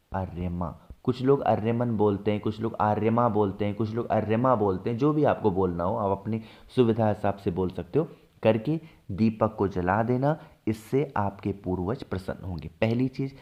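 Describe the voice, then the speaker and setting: A man's voice: lowish voice, lo-fi sound. Hindi-speaking man teaching rituals. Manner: asks and answers his own questions; slows down to stress steps. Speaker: religious ritual instructor. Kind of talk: devotional how-to teaching.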